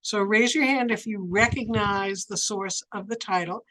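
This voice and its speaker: A woman's voice: medium pitch, moderate pace, a bit bright, low-quality recording. A woman hosting a book show in a casual, conversational interview style.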